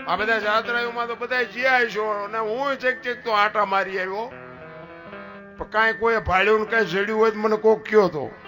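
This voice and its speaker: Male folk storyteller, high and rustic, teases the crowd, music behind. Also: moderate pace. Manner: rustic, lively, teasing storyteller who asks the crowd questions. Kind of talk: humorous folk talk to an audience.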